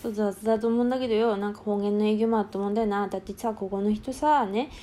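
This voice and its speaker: Solo talk host, woman, rough casual speech, quick delivery. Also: mid-range voice, steady tone, mellow. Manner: rough, blunt, colloquial speech. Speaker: podcast host.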